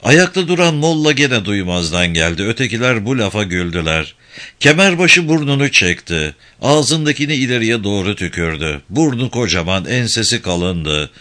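A man narrating a novel in a steady, measured audiobook reading. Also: lowish voice.

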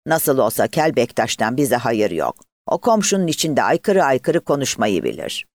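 A man voicing a sly, flattering village man with a wheedling manner. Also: medium pitch, moderate pace, dry recording, studio quality. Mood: coaxing.

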